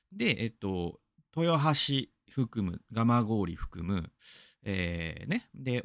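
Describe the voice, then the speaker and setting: A man's voice: mid-range voice, dry recording, studio quality. A man from Aichi in Japan hosting a radio show, rambling through a casual monologue full of fillers and asides.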